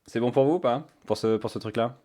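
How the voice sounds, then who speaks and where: A man's voice: mid-range voice, brisk, dark tone. A man chatting casually to his stream viewers, thinking aloud with many fillers on a cheap microphone. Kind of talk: casual live-stream chat.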